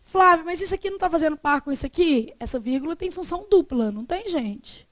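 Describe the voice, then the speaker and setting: A woman teaching a Portuguese grammar lesson, lively, asking the class questions and answering them herself. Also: very high-pitched, fast talker, no room sound.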